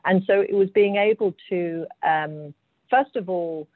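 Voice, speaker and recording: On a video-call panel, a British mining executive with an English accent talks earnestly, repeating words as she works through her thoughts. Her voice is on the low side and unhurried, and the tinny, phone-like audio has no room sound.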